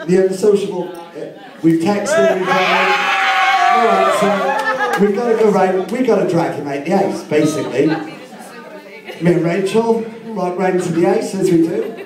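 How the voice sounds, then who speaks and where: A man's voice: sits high, measured pace. A young man giving a rambling, joking best man speech at a wedding in colloquial, informal language. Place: large indoor function room with an audience. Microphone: distant from the microphone. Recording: echoey hall from far off, crowd noise.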